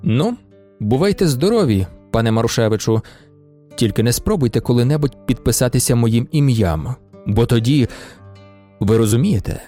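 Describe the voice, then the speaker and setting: A man voicing a calm, sardonic middle-aged merchant with a low, even delivery in a storybook reading. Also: normal speed, soft background music, natural voice.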